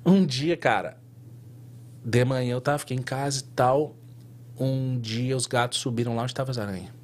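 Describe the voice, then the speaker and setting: A man, a tattoo artist guest, telling a story in an interview in an animated, slangy way, with lots of fillers and restarts. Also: medium pitch, moderate pace.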